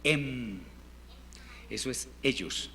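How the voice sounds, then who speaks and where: A man teaching a Hebrew class in Spanish, patiently repeating words slowly for his students. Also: medium pitch, creaky, sharp tone. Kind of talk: classroom language lesson. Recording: reverberant hall, faint room noise.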